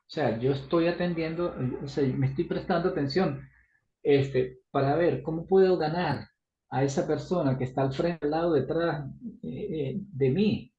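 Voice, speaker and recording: A man's voice: fairly high pitch, moderate pace, dark tone, roomy sound, muffled recording. A man preaching on a Bible passage in a conversational way, full of restarts and tag questions, acting out little dialogues. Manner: acts out dialogue in shifting voices. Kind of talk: Bible study sermon.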